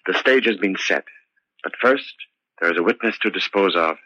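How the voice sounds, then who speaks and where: An ominous narrator of 1940s radio murder mysteries. His low voice is slow, theatrical and suspenseful, heard through a dull, noisy old recording. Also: lively intonation. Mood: menacing, suspenseful.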